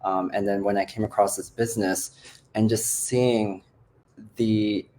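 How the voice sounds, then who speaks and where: Male coach born in the Philippines, very low voice, relaxed and filler-heavy, on a video call. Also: measured pace, a little hiss or hum. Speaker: business coach. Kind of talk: casual online group call.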